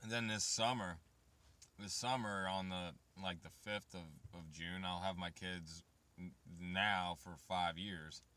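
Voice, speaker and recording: A man's voice: low-pitched, steady tone, a little slow, bright, forceful tone. A man of thirty chatting casually and profanely to his viewers, rambling about waiting and raising kids. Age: 30s. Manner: rambling and profane, talks straight to chat. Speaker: vlogger.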